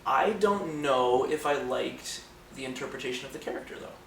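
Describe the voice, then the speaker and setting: A man's voice: medium pitch, moderate pace, creaky, a bit bright. A man co-hosting a film podcast, chatting casually and rambling with many fillers. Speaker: podcast co-host. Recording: roomy, distant mic, faint noise.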